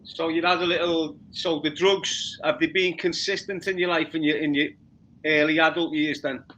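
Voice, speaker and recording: A man in his forties with a Liverpool accent, interviewing a guest with halting, repeated words. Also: a little high, steady tone, fairly bright tone, slight background noise. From Liverpool, England. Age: 40s. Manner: repeats words, stumbles into questions. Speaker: podcast interviewer. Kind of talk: casual interview.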